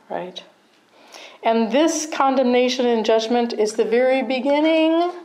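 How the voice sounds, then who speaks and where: Middle-aged woman, meditation teacher, chatty dharma talk, mid pitch. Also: a little mellow, rough recording. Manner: conversational, checks in with "right?", laughs at herself.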